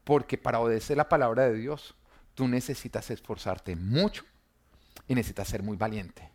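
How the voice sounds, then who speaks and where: A pastor with a mid-range voice preaches at a moderate pace, his emphatic sermon swinging between loud and quiet. He keeps the congregation engaged with rhetorical questions and humor.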